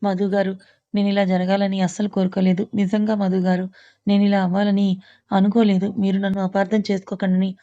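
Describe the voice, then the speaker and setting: Woman doing a scared young woman, soft and sorry, flat delivery, lo-fi sound. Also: medium pitch, a little fast, no echo, natural voice. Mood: anxious. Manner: soft, anxious, apologetic. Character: frightened young woman confessing a loss.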